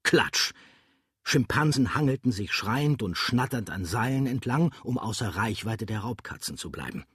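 Male audiobook narrator, husky voice, lively pitch, dry close recording. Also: moderate pace, hardly any pauses, no room sound. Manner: dramatic, vividly paced reading. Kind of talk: scripted narration.

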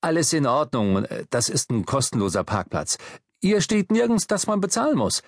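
A man's voice: mid-range voice, lively intonation, moderate pace, dry recording, clean studio sound, lightly acted. A man reading an audiobook, voicing a desperate middle-aged man who pleads and then hurls insults in a raised voice. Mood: pleading.

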